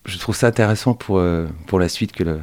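Low mellow host with dry sound. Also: male voice, brisk, dry recording. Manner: hesitant, meandering questions with many fillers. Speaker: interviewer host. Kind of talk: interview questions.

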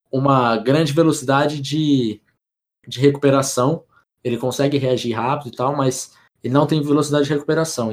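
A man co-hosting a casual sports podcast, voice sitting at an ordinary middle pitch. He rambles along in a relaxed way, restarting sentences and filling pauses as he breaks down players. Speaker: podcast co-host.

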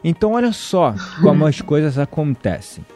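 A man's voice: on the high side, normal speed, soft background music. A man telling a story in casual conversation, acting out the voices of the people in it. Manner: animated, acts out quoted voices.

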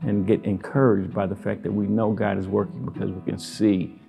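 Man, very creaky voice, flat delivery, earnest church talk. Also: lowish voice, moderate pace, music in the background.

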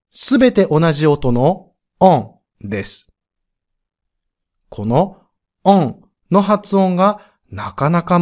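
A man teaching a pronunciation lesson on a podcast, explaining step by step and sounding out letters and vowels to demonstrate them. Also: on the high side.

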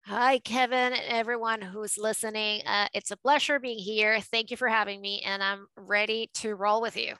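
A woman in her forties from Venezuela, with a mix of Venezuelan and New York accents, talking lively in quick bursts as a podcast guest. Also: mid-range voice, smooth, dry recording, poor audio. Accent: Venezuelan Spanish mixed with New York. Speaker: podcast guest, art advisor. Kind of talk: casual interview talk.

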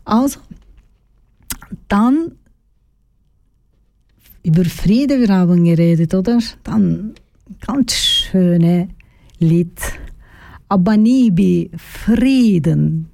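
A woman radio host speaking simple, in a slow, reflective way. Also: on the low side, expressive, gravelly, dark tone. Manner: simple non-native German, slow and reflective. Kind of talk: casual radio talk.

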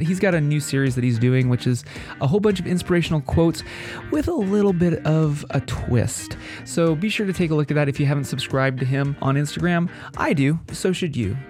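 A male podcast host with a somewhat high, nasal voice, congested from a head cold. He talks casually and playfully straight to listeners, with guitar music playing underneath. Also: a little mellow.

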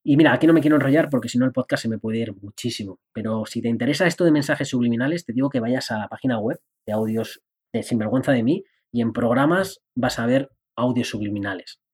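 Husky, chatty male podcast host. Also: medium pitch, a little mellow. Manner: chatty and playful, laughs at himself, acts out inner voices. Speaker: podcast host and personal development coach. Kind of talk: casual podcast monologue.

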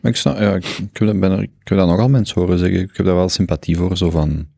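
A man in his thirties speaks with a low, gravelly voice on a casual podcast. He weighs his words and stops to search for them. His tone is dark and the recording is dry. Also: fairly even intonation, fast, no echo. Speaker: podcast co-host. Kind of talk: casual chat.

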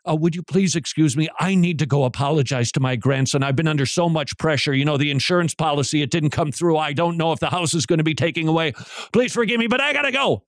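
A man's voice: on the high side, fast talker, dry recording, lightly acted. Man putting on a flustered old grandma. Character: flustered stressed grandmother, older woman.

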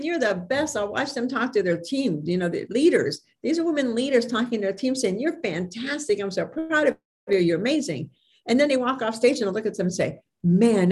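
A woman's voice: fairly high pitch, darkish tone. A woman confidence coach giving an emphatic motivational talk, with imprecise R and S sounds, occasional stumbles over words and phrases repeated for effect. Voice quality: speech impediment on R and S sounds. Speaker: confidence coach and public speaker. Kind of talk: motivational talk with personal anecdotes.

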